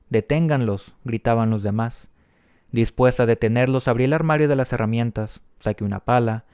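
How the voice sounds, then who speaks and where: A man reading a novel aloud in a calm, measured way, lightly voicing the quoted lines. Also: medium pitch, smooth, no room sound, studio quality. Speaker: audiobook reader. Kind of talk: audiobook narration.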